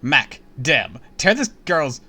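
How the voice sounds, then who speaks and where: A man's voice: a little high, sing-song, slow pace, bright, forceful tone, husky, voice pushed up, exaggerated voice. Man putting on a brash Valley Girl fairy princess. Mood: cocky, challenging. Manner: Valley Girl delivery, cocky and bossy. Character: brash, haughty young fairy princess, female. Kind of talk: playful game dialogue read-aloud.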